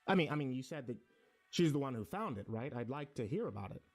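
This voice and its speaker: A man's voice: medium pitch, sing-song, fast talker, soft background music. A man playing a curious, questioning listener in a conversational audio drama.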